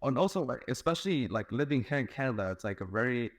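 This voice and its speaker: A young Chinese man, a content creator whose first language is Chinese, chats as a guest in a casual online interview, hesitant and full of "like" and "um" fillers. His mid-range voice is fast with lively intonation, recorded at studio quality without echo.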